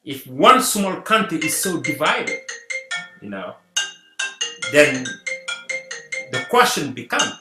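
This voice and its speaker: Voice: mid-range voice, slow, pauses often, music in the background. Guest, earnest and rallying, voice swinging widely, roomy echo. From Senegal. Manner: animated, repeats rallying phrases. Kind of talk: earnest community talk.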